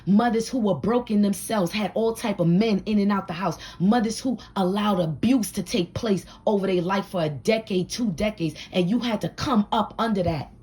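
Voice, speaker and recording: A woman's voice: mid-range voice, moderate pace, few pauses, darkish tone. Scratchy-voiced woman preaching hard truths. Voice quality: scratchy, husky smoker's voice. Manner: blunt, preachy, talks straight to the viewer. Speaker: vlogger giving life advice. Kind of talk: fiery motivational talk to camera. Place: home room with a door.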